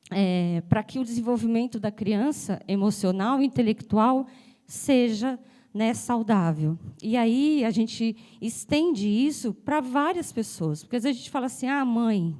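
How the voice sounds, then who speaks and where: A woman's voice: a little high, mellow. A woman giving a conversational talk to an audience at a symposium, slightly breathless and nasal from a cold, often checking in with "né?". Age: adult with a child. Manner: chatty, addresses the audience directly with frequent "né?". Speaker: speaker at a symposium.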